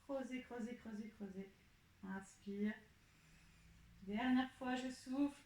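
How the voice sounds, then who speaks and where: A woman teaching a pilates class, calmly cueing each breath and movement step by step. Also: a little high, slow pace. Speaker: pilates instructor. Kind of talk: guiding an exercise class. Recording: echoey room.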